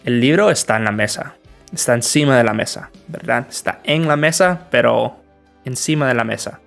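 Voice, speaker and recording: On a relaxed bilingual livestream, a young northern-US American answers questions as an English teacher, greeting viewers by name and using examples. His mid-range voice moves at a moderate pace with some vocal fry, and faint music plays beneath it.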